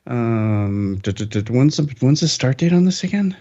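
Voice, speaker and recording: A man's voice: mid-range voice, lively intonation, moderate pace, warm tone, muffled recording. Upbeat rambling podcast host, man. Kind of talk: casual podcast chat.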